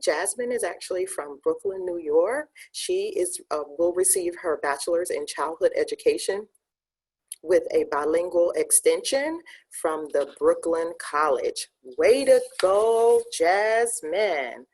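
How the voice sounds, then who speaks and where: Husky-voiced woman hosting graduation. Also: fairly low pitch, unhurried, darkish tone. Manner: upbeat, casual, filler-heavy. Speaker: ceremony host. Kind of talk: announcing graduates.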